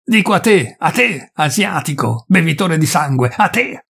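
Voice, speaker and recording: A man voicing a desperate poor peasant who rages and pleads, his husky voice pushed high. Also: very animated, moderate pace. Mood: furious. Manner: shouting, raw and pleading.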